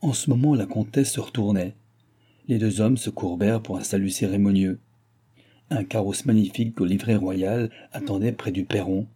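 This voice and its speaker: A man narrating a classic novel as an audiobook, with a measured, even reading. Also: on the low side, slightly rough. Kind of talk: scripted narration.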